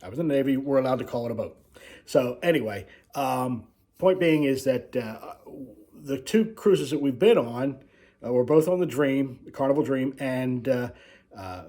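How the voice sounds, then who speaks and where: A man hosting a casual, unscripted video, telling his story in a rambling way with frequent pauses. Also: mid-range voice, warm tone. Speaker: video host, cruise vlogger.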